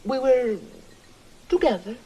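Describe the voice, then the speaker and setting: An actress in her twenties playing a forward young Swedish visitor, with a Swedish accent and a soft, teasing manner, in 1960s film acting. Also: sits high, takes it slowly, husky, full character voice, low-quality recording. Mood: coy. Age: 20s.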